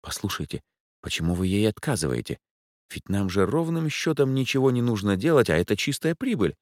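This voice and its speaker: A man voicing an excitable, anxious young male student. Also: lowish voice, fairly quick, no echo, clean studio sound, pitched above the performer's own voice. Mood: hushed. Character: young male student assistant, jumpy and money-minded.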